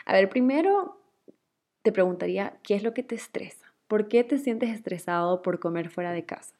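Animated and mellow, a medium-pitched female voice moves at normal speed. The young woman has an Ecuadorian accent from Guayaquil and hosts a casual chat, answering listeners' questions amid frequent fillers and laughter.

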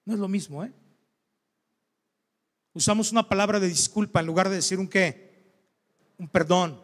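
A pastor preaching in a conversational, back-and-forth way. He tosses questions at his congregation. His voice sits high for a man, and it rings out with a long church-hall echo. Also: normal speed. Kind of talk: sermon.

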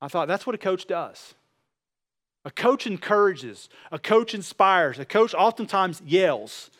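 A man's voice: sits high, lively intonation, unhurried, a bit bright. A man giving a sermon, speaking earnestly and directly to listeners with rhetorical questions and repeated phrases. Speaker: pastor preaching.

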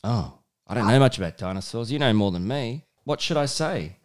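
A man's voice: medium pitch, lively intonation, brisk. A man hosting a casual podcast chat with a child, patiently prompting with questions and simple explanations. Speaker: podcast host, father talking with his child.

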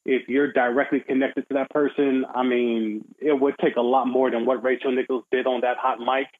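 Phoning in on a tinny line, this guest gives sports commentary that's both opinionated and measured, phrased colloquially. He speaks at medium pitch and keeps his tone level.

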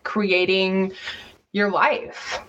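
A woman's voice: medium pitch, drawn-out words. Canadian woman telling stories, muffled audio. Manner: relaxed, rambling storytelling. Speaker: podcast co-host. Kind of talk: casual podcast chat.

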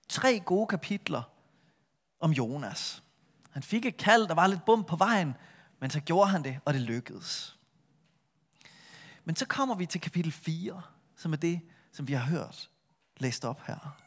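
A middle-aged man preaching a sermon, retelling a Bible story with lively shifts between a full voice and a soft hush. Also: on the high side, pauses often, slightly rough. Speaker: pastor.

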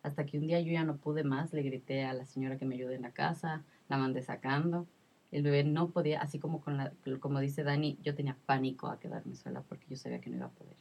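A woman in her thirties with a low voice tells a personal story in casual conversation. Her voice is husky, and she speaks with emotion and repeats herself often. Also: steady tone, quick pace, muffled recording. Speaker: guest sharing her experience.

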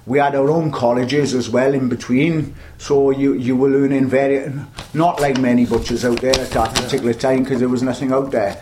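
A man's voice: mid-range voice, fairly even intonation, normal speed, few pauses, mellow, a little hiss or hum. An older man with a South Wales Valleys accent, reminiscing in a chatty, rambling way as an interview guest. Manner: rambling, chatty storytelling with repeated starts. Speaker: interview guest, veteran butcher.

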